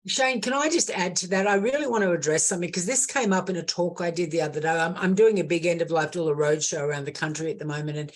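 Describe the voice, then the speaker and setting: A woman's voice: on the low side, fast, hardly any pauses. A woman, an end-of-life doula, earnestly telling a story on a video-call webinar and repeating words for emphasis. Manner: earnest, impassioned, repeats words as she builds a point.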